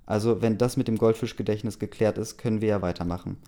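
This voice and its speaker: A man voicing a dry, know-it-all woman who owns a castle, speaking in a deadpan, lecturing way. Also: lowish voice, fast talker, close to an everyday voice.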